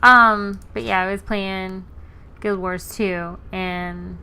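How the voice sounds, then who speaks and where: A woman's voice: medium pitch, fairly even intonation, slow, a little hiss or hum. A woman streaming a game, chatting casually and apologizing for getting distracted. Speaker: gaming streamer. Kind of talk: casual let's-play chat. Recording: game music loud behind.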